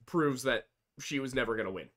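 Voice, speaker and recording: A man with a medium-pitched voice co-hosting a casual history podcast. He mostly agrees in short replies and makes his own points in a measured way. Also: a crowd in the background. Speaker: podcast co-host.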